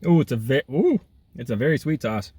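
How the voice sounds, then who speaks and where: A food vlogger casually reviews food while eating outdoors in half sun, half shade, speaking at medium pitch in a very animated, brisk voice with a warm tone and a breathy edge. He is chatty and exclaims often, with no room sound.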